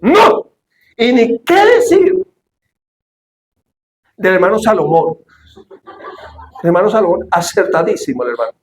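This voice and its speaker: A male pastor delivering an animated sermon, shouting the quoted lines and asking the congregation questions. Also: high voice, a little slow, long pauses, reverberant. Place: church hall.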